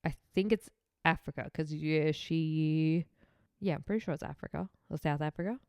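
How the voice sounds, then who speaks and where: A woman's voice: low voice, normal speed, a little mellow, clean tone, no room sound, studio quality. A young Australian woman co-hosting a casual true-crime podcast, rambling through her notes with frequent giggles. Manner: giggly, rambling, reads case notes aloud. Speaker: podcast co-host.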